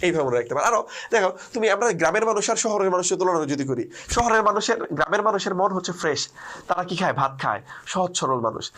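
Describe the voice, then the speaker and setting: A man's voice: high-pitched, lively intonation, very fast, a bit bright. A young man, teaching an online lesson with mnemonics, quizzing listeners and answering himself. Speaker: admission test tutor. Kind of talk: energetic online lesson with call-and-response mnemonics.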